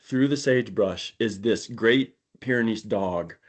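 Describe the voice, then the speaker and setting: A man hosting a podcast, telling a hunting story in a casual, animated way and laughing often. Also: on the low side, measured pace. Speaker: podcast host.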